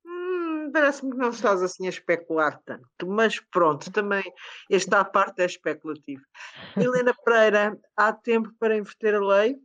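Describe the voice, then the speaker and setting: A host with a European Portuguese accent, moderating a political panel in a brisk and pointed way. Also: mid-range voice, expressive, fairly bright tone. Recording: slightly dull, lo-fi sound.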